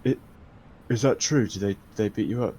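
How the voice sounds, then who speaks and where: A man's voice: on the low side, moderate pace, darkish tone, slightly rough. Man voicing an awkward, stammering young soldier. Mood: unsure. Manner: hesitant, stammering, apologetic.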